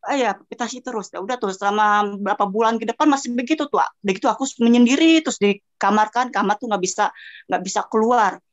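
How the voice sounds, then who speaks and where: Animated woman telling her story, lo-fi. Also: mid-range voice, fast talker. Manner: animated, acts out her own cries and sounds. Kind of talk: casual personal storytelling. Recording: dull lo-fi voice message.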